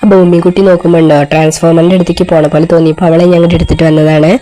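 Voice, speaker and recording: A woman's voice: on the low side, little pitch movement, racing, mellow. A woman narrating a casual pet vlog, her voice congested from a cold, chatty and often tagging sentences with "you know". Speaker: pet vlogger.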